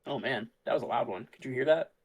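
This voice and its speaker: A man's voice: mid-range voice, fast talker, slightly rough. Easygoing male card game commentator. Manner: thinks aloud, musing and easygoing. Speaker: tournament commentator. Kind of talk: casual play-by-play commentary.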